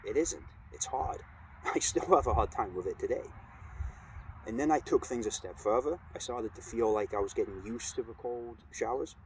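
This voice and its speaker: A middle-aged man talking casually and reflectively in a vlog, with an earnest, measured, halting delivery. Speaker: cold exposure vlogger. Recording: steady background noise, ambient rumble.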